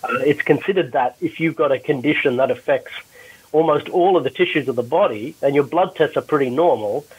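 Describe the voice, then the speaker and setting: A male doctor presenting in a replayed Clubhouse panel keeps restarting as he explains a health topic. His voice sits a little high and is slightly rough, he talks fairly quickly, and the audio is low quality.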